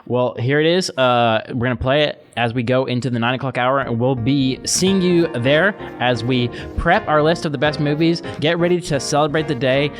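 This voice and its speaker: A man's voice: mid-range voice, moderate pace, hardly any pauses, over music. Rambling young male radio host. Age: young adult. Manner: rambling, lots of fillers and restarts. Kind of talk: casual morning radio chat. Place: college radio studio.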